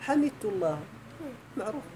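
Fast-talking Moroccan sheikh teaching grammar. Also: male voice, high-pitched, sing-song, mellow, a little hiss or hum, poor audio. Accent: Moroccan Arabic. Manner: chants verse slowly, quizzes students. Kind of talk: classroom grammar lesson.

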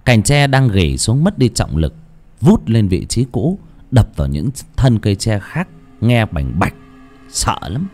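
Brief: male audiobook narrator, warm, dark tone, highly animated delivery. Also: a little slow. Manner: expressive storytelling with wide swings in pitch. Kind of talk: scripted horror story narration. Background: faint music.

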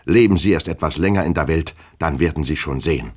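A pompous, touchy petty official in a radio reading, speaking with stiff formality and wounded pride, as a male reader voices him. The voice sits extremely low and has a husky edge. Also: fairly quick, a little mellow. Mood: pompous indignant. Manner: stiffly formal, indignant, self-important.

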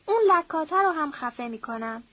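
Woman doing a furious old father, harsh threats, lower voice, dull dry audio. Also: lively intonation, dry recording. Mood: raging. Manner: shouting threats, harsh and coarse. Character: furious domineering patriarch, older man.

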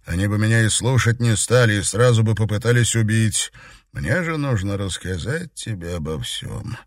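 Male narrator playing a middle-aged emperor: stern, secretive, measured and low, dry read. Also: no echo.

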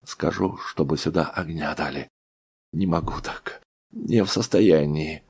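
A man's voice: extremely low pitch, a little slow, gravelly, a little mellow, slightly rough, full character voice. A man voicing a frightened male doctor, confined and pleading in a trembling voice. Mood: anxious pleading.

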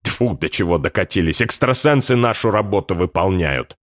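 A man narrating an audiobook in an expressive storytelling manner. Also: deep voice, normal speed, no room sound, clean studio sound. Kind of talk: scripted narration.

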